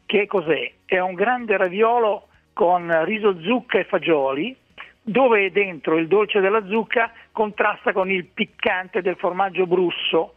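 A man's voice: high voice, dry recording. A man, calling in to a radio show and chattily explaining local dishes and restaurants, often restarting his phrases. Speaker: food guest on a radio show. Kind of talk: phone-in radio chat giving restaurant tips. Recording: tinny phone line.

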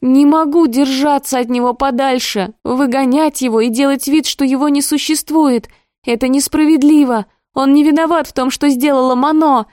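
A woman voicing a distraught young woman who pleads and shouts in a high, tearful voice in an audiobook. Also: steady tone, normal speed, no room sound, studio quality, close to an everyday voice. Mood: pleading tearful. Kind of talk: audiobook dialogue.

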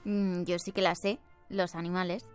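A woman's voice: on the low side, little pitch movement, moderate pace, a little mellow, clean tone, faint music behind. A woman hosting a radio interview, giving brief, encouraging prompts to her guest. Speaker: radio host. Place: radio studio.

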